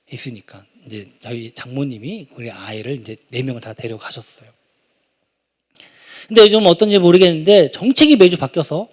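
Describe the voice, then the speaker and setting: A man in his thirties preaching a sermon and telling a story from his own family. He is animated and moves from quiet asides to loud exclamations. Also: high-pitched. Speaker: pastor. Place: church sanctuary.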